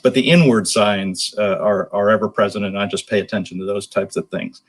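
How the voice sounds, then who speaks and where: A nonprofit executive answers as an interview guest, conversational, earnest and explanatory. His voice is on the low side with a breathy edge, and he talks a little fast.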